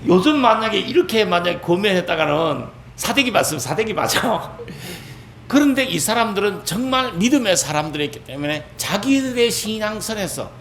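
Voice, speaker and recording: A male pastor preaches animatedly, acting out the words of others. His voice sits fairly high and swings widely in pitch. The recording rings in an echoey church hall with faint noise. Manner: animated, acts out quoted speech. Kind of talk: sermon.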